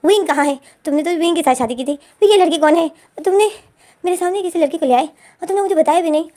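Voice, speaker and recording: A fussy, excitable mother, put on by a woman telling the story pitches her voice high and fires off fretful questions. The tone underneath stays soft and mellow, like a home-recorded storybook reading. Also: fast. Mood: agitated.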